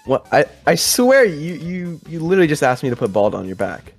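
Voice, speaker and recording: Fast-talking, easygoing man in a skit. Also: on the high side, sing-song, over music. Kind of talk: comedic skit.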